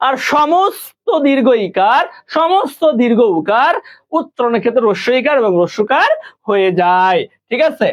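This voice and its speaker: A man from Bangladesh teaching an online class, patiently repeating each point and quizzing his students. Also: very high-pitched. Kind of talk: online live class lesson. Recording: dull lo-fi recording.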